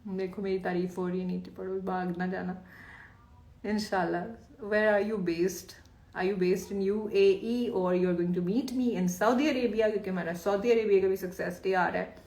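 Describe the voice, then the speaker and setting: Woman, from Lahore, expressive, teasing, scolds playfully, mid pitch, echoey room. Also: a little slow. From Pakistan, Lahore. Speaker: business team manager hosting a live stream. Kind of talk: casual live-stream talk, reading comments.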